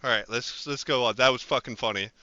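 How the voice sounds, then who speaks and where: A man narrating as dungeon master, animated and laughing often. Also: mid-range voice, quick pace, no room sound, highs cut off. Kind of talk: narrating a tabletop game.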